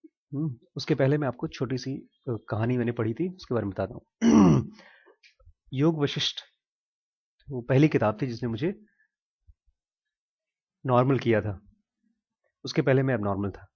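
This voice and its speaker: A man's voice: mid-range voice, expressive, a little mellow. Man telling a story in a dull recording. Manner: storytelling with pauses and questions to listeners; frequent throat clearing. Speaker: teacher giving a talk. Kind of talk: casual teaching talk to a small group.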